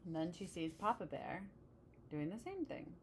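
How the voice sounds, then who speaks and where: A woman with a lowish voice and wide pitch swings reads a children's picture book at a moderate pace, chatting casually with young listeners as she explains the pictures. There's noise in the background.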